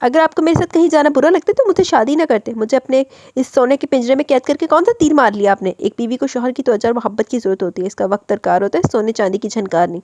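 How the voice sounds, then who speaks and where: A woman playing a proud young wife, wounded and pleading, her lines high and lifted above a plain storybook narration. The stays audible beneath the emotion. She sounds close and dry, with no room around her. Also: animated, quick pace, a little mellow, no echo. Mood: reproachful.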